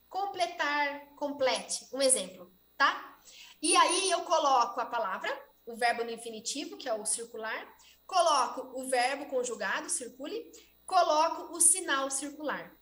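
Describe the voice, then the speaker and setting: Brazilian woman teacher, high-pitched and chatty, informal lesson delivery, recorded in an echoey room. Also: sharp tone. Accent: Brazilian Portuguese. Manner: chatty, often ends with "tá?" and "gente". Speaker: teacher of deaf children.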